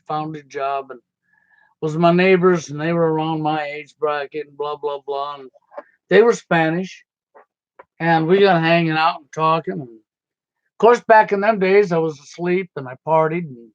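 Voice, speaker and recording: A middle-aged American man from the United States tells a rambling personal story in a folksy, casual way, digressing and using loose, nonstandard grammar. His voice is a little high, and the recording is dry, lo-fi, slightly dull, with no echo.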